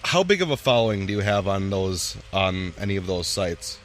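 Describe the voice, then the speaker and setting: A man hosts a podcast in easygoing conversation, his voice sitting on the low side. He rambles and restarts sentences as he talks. He is recorded outdoors on a patio. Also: sing-song, moderate pace, faint music behind. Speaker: podcast host. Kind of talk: casual chat.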